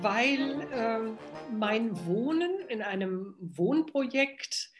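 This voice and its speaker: A woman in her seventies from Hesse, telling her own life story in an unhurried way, with pauses and fillers. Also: fairly high pitch, expressive, over loud music. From Hesse, Germany. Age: 70s. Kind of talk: personal storytelling.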